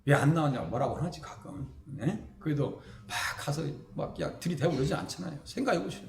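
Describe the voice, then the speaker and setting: A male pastor with a Chungcheong Korean accent, preaching a lively, conversational sermon that asks the congregation questions and acts out the voices of people in the story. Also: a little high, fast talker, gravelly, roomy sound.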